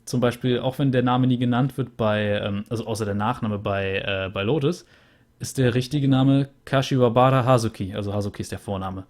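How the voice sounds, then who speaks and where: Using a USB studio mic at home, a young man hosting a let's play talks a little fast as he wraps up a game. His mid-range voice has a darkish tone, and his commentary is chatty, rambling and full of fillers.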